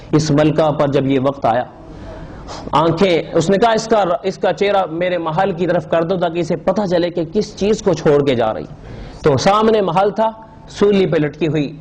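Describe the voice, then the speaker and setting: A man's voice: a little high, darkish tone, rough recording. A man preaching a sermon in Urdu, telling a story with emotion and repeated sighing exclamations.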